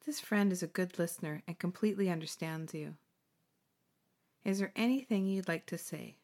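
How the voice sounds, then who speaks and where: Gentle woman guiding a meditation. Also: fairly low pitch. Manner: slow, soothing, gentle pauses. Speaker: meditation guide. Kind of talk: guided meditation.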